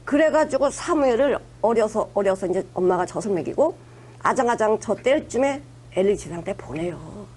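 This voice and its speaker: A woman's voice: mid-range voice, animated, moderate pace, a little mellow, husky. A woman pastor preaching a conversational sermon, retelling scripture with acted-out quotes and emphatic asides.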